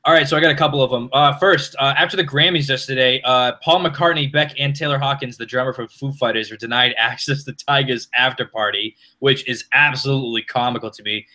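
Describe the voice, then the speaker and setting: A young man co-hosts a casual podcast, his voice bright and forward. He talks in a lively, rambling way, often restarting his sentences as he goes. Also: medium pitch, fairly quick, few pauses. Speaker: podcast co-host. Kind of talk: casual chat.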